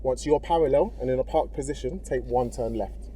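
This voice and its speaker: A man's voice: medium pitch, fairly quick, warm tone. A man working as a driving instructor, giving casual, encouraging step-by-step instructions and often checking that the learner follows. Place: inside a car in a car park. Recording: vehicle noise in background.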